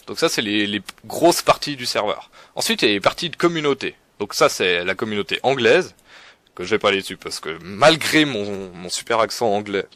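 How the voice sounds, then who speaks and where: A young man talks through a game forum in a loose, rambling way, stumbling over words and poking fun at himself. His voice sits fairly low. The sound is dry and close, with no room around it. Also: a bit bright, dry recording. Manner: rambling, self-mocking, many fillers and restarts. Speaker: forum guide presenter. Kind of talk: casual screen-recorded walkthrough.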